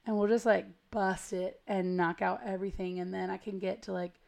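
Female American podcast host, gravelly, smoky and hoarse from a cold, creaky mid-pitched delivery, chatty, self-deprecating and informal. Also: little pitch movement, fairly quick, a little mellow. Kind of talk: casual podcast intro chat. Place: at home.

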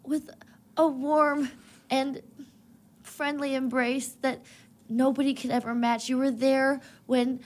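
A woman voicing a young woman performer who gives a halting, melodramatic monologue about a lost pet. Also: sits high, flat delivery, a little mellow. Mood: mournful.

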